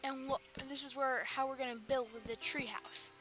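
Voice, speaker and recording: A woman giving let's play commentary as the host of a gaming channel, excitable and quick to burst into alarmed exclamations. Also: sits high, faint music behind.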